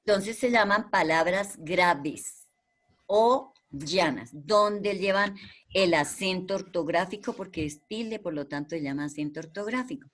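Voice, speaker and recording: A woman's voice: on the low side, a little slow, a bit bright. A woman teaching a primary school class over a video call. She speaks patiently and repeats the key terms so her pupils remember them.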